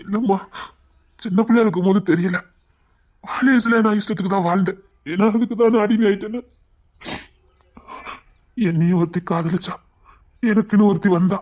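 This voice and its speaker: Anguished young son, tearful and guilt-ridden, high voice for a man. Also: normal speed, long pauses, a little mellow. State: crying. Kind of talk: TV serial acting.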